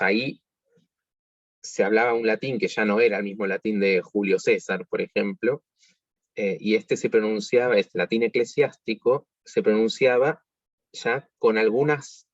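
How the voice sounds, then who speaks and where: A man with an Argentine accent teaching an online music workshop, explaining slowly with many fillers and restarts. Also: fairly low pitch, no echo, dull audio. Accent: Argentine Spanish.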